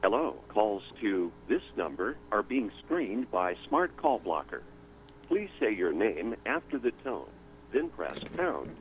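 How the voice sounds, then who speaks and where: A deep-leaning male voice plays a recorded call-screening prompt down a landline phone, moving through a lively pitch contour. The line sounds dull and lo-fi, with a faint hiss underneath. His delivery is formal and instructional. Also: a little slow. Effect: heard over a landline phone. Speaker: automated call-screening announcer.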